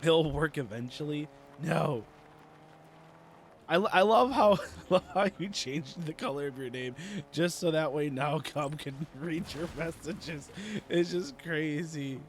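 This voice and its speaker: A man's voice: fairly high pitch, unhurried, slight background noise. A man streaming a shooter game with friends, chatting casually, laughing often and making playful sound effects. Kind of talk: casual gaming chat.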